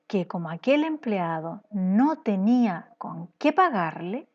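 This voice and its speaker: Slow patient woman telling children a story. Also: medium pitch, a little mellow, slightly rough, dull audio. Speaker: children's class teacher.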